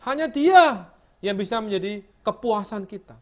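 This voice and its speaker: A man's voice: sits high, expressive, moderate pace. A middle-aged man giving sermon-style Bible teaching over a video call, emphatic, asking his listeners rhetorical questions.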